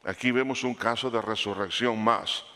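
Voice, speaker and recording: A man preaching a sermon, animated, rising for emphasis and dropping low, calling the listeners brother. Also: normal speed.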